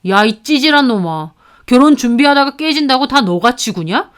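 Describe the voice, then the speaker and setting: A woman plays an angry, protective older brother in a story reading. He berates an employee in a loud, forceful voice, and the tone is clean and smooth. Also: high voice, animated, normal speed. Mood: furious. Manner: furious, berating.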